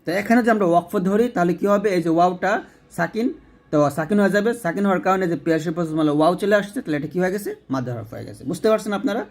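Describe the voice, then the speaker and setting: A fairly high-voiced man leading a Quran recitation lesson. He explains each letter patiently and then chants the phrases slowly, stretching the long vowels for his listeners to repeat. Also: animated.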